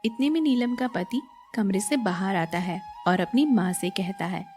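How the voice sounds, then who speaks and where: A woman narrating a cartoon family story in a plain, measured way. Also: mid-range voice, darkish tone, soft background music.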